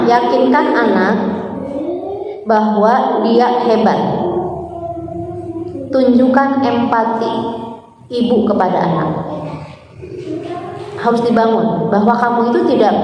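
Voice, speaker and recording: A middle-aged woman giving earnest, slowly emphasized parenting advice to mothers. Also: a little high, darkish tone, a little hiss or hum. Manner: earnest, slow emphatic phrasing. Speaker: parenting speaker. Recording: echoey hall, voice from far off.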